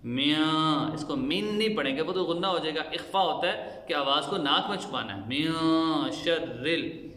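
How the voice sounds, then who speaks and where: A man teaching Quran recitation rules, explaining slowly and chanting the verses in long drawn-out tones. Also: on the high side, expressive, pushed and bright. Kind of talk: tajweed lesson with chanted recitation. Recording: echoey room with long reverb.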